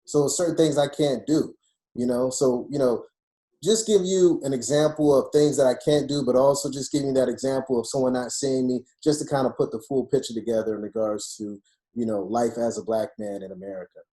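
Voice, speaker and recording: Mellow-voiced man speaking emphatically. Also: medium pitch, fairly even intonation, brisk. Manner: emphatic, persuasive, peppered with "you know". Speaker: optometrist guest. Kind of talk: conversational interview talk.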